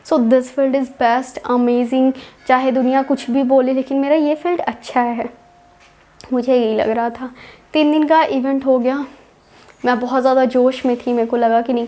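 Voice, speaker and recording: A woman's voice: high-pitched, darkish tone. A young woman vlogger telling her own story in a casual, chatty way, dropping in English words and repeating herself.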